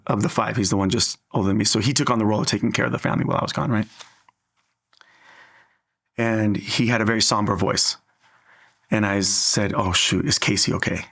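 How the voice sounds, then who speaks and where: A man's voice: fairly low pitch, creaky, fairly bright tone. A man sharing an earnest personal faith story in an interview, acting out the dialogue as he tells it.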